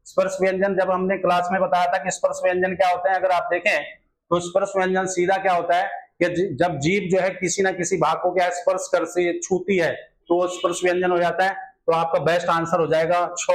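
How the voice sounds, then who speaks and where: In a poorly recorded clip, a male teacher with a fairly high voice walks through a grammar lesson for exam prep. He explains each answer step by step, repeats his key points, and keeps returning to rhetorical questions.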